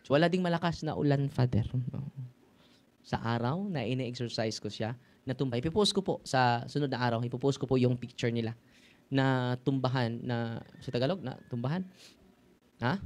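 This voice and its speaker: A Filipino-accented priest preaching in a loose, conversational way, peppering his talk with little tag questions. His voice sits at an ordinary middle pitch, and now and then he rises into loud, ringing exclamations. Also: moderate pace. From Philippines. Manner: chatty, tag questions, mixes languages, sudden loud exclamations. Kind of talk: informal sermon to a live audience.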